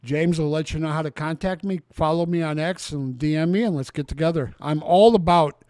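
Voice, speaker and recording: A sixty-year-old man hosts with loose, enthusiastic chatter and a fairly high voice. The sound is close and dry. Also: a little fast, a little mellow, no room sound. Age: 60s. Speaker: host. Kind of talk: casual chat.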